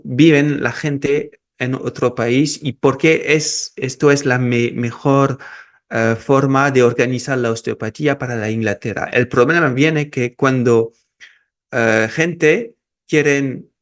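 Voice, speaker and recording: Slow, halting man. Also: medium pitch. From France and Peru, raised in Morocco. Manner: halting, with many restarts and repeated words. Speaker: osteopath and researcher, guest. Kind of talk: casual interview.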